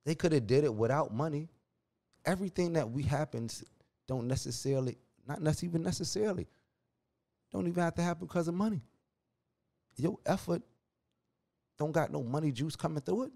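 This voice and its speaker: A man hosting a podcast, talking casually and heatedly in slang, his pitch jumping when he gets worked up. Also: a little fast, creaky, pauses often. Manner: animated, slangy, calls listener "dog"; restless pitch, rises sharply when worked up. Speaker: podcast host. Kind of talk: casual opinion talk.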